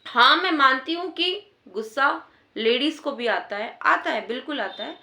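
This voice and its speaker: Bright high-voiced woman giving advice. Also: animated, moderate pace, echoey room. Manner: earnest, repeats points for emphasis. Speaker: advice vlogger. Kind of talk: casual advice talk to wives.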